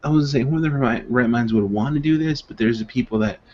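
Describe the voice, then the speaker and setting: A man co-hosts a casual web show over a video call, joking and rambling playfully with plenty of fillers. He's an adult father of two with a mid-range, darkish voice and a quick pace. The video-call audio is muffled.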